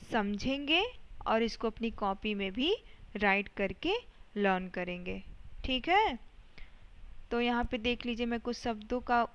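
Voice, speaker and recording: A woman teacher talks to small children slowly and patiently, stretching out each syllable as she reads words aloud. Her voice sits a little high and comes through clean and smooth, though the recording is slightly dull and lo-fi. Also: a bit bright. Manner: slow, patient, drawn-out syllable reading. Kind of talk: children's language lesson.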